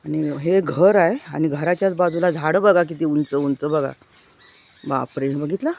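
A woman's voice: sits low, measured pace, a little mellow. Woman, walking village tour, enthusiastic, keeps saying look, outdoors, handheld phone, birdsong. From Konkan, India. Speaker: vlogger giving a village tour. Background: birds chirping.

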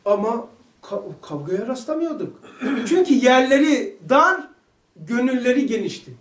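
High-voiced man giving a fervent religious lesson. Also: expressive, a little slow, roomy sound. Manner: fervent, fires rhetorical questions and sometimes shouts. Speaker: religious teacher.

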